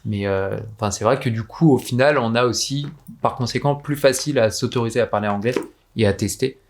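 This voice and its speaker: A man co-hosting a podcast who talks in relaxed, rambling, slang-filled casual conversation. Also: medium pitch, a little fast, slight background noise. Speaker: podcast co-host.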